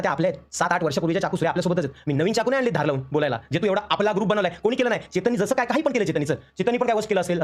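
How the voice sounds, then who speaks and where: A young man, venting on a live stream in an emotional, aggrieved rush. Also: high-pitched. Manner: emotional, aggrieved, rapid storytelling. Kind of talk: heated live-stream rant.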